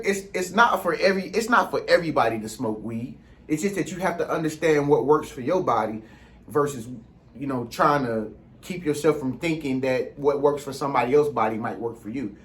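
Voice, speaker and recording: An American man with a fairly high voice delivers an informal, rambling monologue as a vlog host. He speaks in street slang and keeps circling back with little check-in phrases to make sure he is followed.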